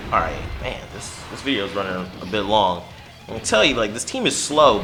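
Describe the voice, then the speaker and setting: A man casually commenting on his own mobile game run, talking to himself and his viewers as he plays. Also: lowish voice. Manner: chatty, mutters to himself, bursts loud at big hits. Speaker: gaming channel host.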